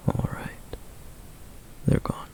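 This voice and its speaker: In a whispered ASMR roleplay, a man voices a male flame demon who is protective and bound by duty. His delivery is hushed, measured and dryly sardonic, with a cautious mood.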